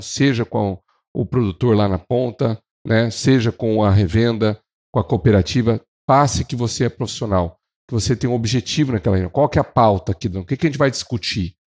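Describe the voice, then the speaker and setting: Animated Brazilian man giving sales advice. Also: mid-range voice. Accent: Brazilian Portuguese. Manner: animated, shifts pace and acts out clients. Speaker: podcast co-host. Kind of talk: casual advice talk on sales.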